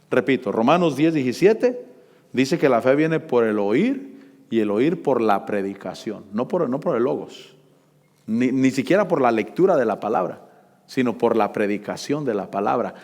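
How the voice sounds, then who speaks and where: A man preaching a sermon, calling out scripture loudly, dropping to low asides and asking the congregation to repeat after him. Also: in a large hall. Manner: fervent, swings between loud scripture reading and low asides; call-and-response with the congregation.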